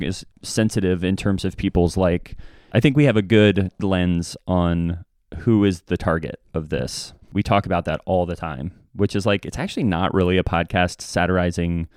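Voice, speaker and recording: A podcast guest who does improv comedy talks in relaxed, reflective interview conversation, frequently acting out recalled dialogue. His low-pitched voice is clear and resonant, captured in studio quality with no room sound.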